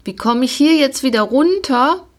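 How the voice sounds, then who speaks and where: A whiny, reluctant little girl, high and childlike, as a woman puts her on. It is a storybook reading, her lines complaining and squeaky. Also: lively intonation, moderate pace. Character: whiny, unwilling young girl.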